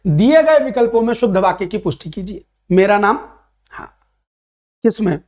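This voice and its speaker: A man teaching a Hindi grammar class for an exam, lively and playful, reading out comments and answering them. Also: high-pitched, normal speed. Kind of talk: online exam-prep class.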